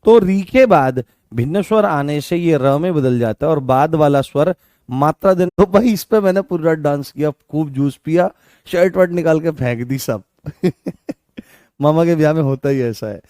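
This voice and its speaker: A man's voice: on the high side, expressive, moderate pace, dark tone, dry recording, clean studio sound. A man teaching a live online Hindi grammar class for exam candidates, repeating points and asking questions he answers himself, with a Rajasthani Hindi accent. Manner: repetitive, asks questions and answers them himself, sometimes sings lines.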